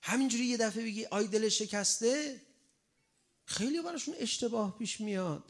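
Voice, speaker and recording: A man preaching a sermon in an animated way, acting out a crying child and the replies to it. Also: high voice.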